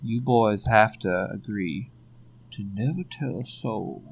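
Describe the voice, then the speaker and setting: A man, a podcast guest, telling a comedic scary story in a slow, drawn-out way. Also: on the low side, gravelly, slight background noise.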